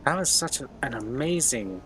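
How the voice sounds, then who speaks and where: A man co-commentating a sim race on a live stream, excitable and quick to read out the grid. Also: mid-range voice, a little hiss or hum. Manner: excitable, reads out grids quickly.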